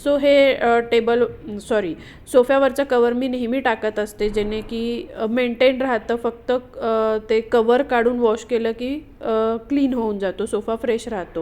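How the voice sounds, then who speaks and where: A woman talks casually over her home vlog, easy and chatty, pausing on small fillers as she explains her routine. Her voice sits a little on the high side. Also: steady tone, darkish tone. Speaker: vlogger.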